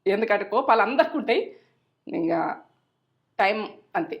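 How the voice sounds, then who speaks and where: A middle-aged woman hosts a cooking channel, talking at normal speed with medium pitch and lively intonation. She chats casually, offers homely advice and repeats herself as she goes. The audio sounds dull.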